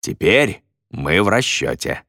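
Storybook reading: hearty, loud man with broken grammar, lively pitch, done by a male narrator. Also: slow pace, gravelly, dry recording, studio quality, exaggerated voice. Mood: boisterous. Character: big, boisterous man speaking broken Russian.

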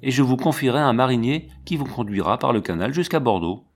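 A man voicing a kindly, fatherly sailor captain in a storybook reading, calm and reassuring. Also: medium pitch, a little fast. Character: kindly middle-aged male sailor captain.

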